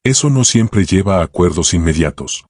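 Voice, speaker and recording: A man narrating a self-help audiobook in a calm, measured way, speaking in short reflective phrases. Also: low voice, dry recording, clean studio sound.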